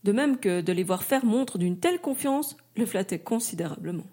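A woman narrating a literary story in a measured, storytelling manner. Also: medium pitch, lively intonation, warm tone. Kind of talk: scripted narration.

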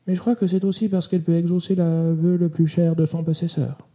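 A man's voice: fairly high pitch, little pitch movement, brisk, pitched above the performer's own voice, natural voice. Man voicing a timid stammering young woman. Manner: hesitant, stammering, soft-spoken. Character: shy timid young female secretary.

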